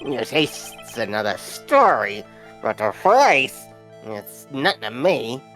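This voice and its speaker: A woman's voice: extremely low pitch, big pitch swings, slow pace, fairly bright tone, soft background music, pitched below the performer's own voice, exaggerated voice. A woman voicing a grumpy, cranky old man with a Scottish accent for a video game character. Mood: boastful. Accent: put-on Scottish. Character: grumpy, insolent-hating rich old man who feeds pigeons.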